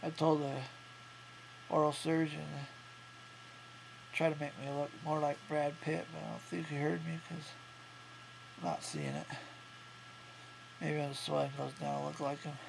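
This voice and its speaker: A man in his thirties talking casually in a low-key, halting way to a video diary, congested and swollen-mouthed after surgery. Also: level tone. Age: 30s. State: congested, can't breathe through nose. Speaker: vlogger recovering from jaw surgery. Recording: clearly noisy home recording with hum.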